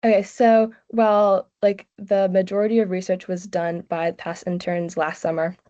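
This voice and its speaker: A sixteen-year-old girl from the United States presents online at a normal speed, warm-toned with a medium pitch that barely moves. Her casual talk leans heavily on "like," heard through muffled, lo-fi video call audio.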